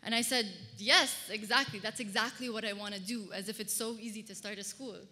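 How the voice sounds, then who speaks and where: Speaking in a mid-range voice, this woman keeps a steady tone while sounding brisk, bright and forceful. She's a Kuwaiti fashion designer giving a personal storytelling talk from a conference stage. Amplification and a reverberant large hall shape the sound as she addresses the audience.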